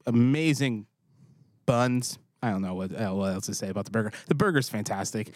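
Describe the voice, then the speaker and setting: A man's voice: fairly low pitch, fairly quick, a little mellow, no room sound, clean studio sound. A man co-hosting a podcast in casual chat, easygoing and a bit rambling as he reads tips and ads. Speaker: podcast co-host.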